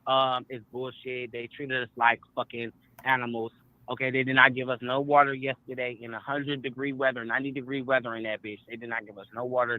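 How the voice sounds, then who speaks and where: A man talks on a phone set to speakerphone, so his voice comes through thin and tinny. He speaks bluntly and casually, swears freely and sounds worn out. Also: medium pitch. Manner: blunt, profane, weary talk. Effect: heard over a phone on speakerphone. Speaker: interviewee just released. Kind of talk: casual street interview.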